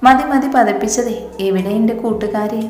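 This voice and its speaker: A woman's voice: a little high, moderate pace, darkish tone, echoey room, big-room sound, soft background music, close to an everyday voice. A woman doing a teasing old grandmother. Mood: mock annoyed. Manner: mock-scolding. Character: teasing grandmother, sharp-tongued but doting.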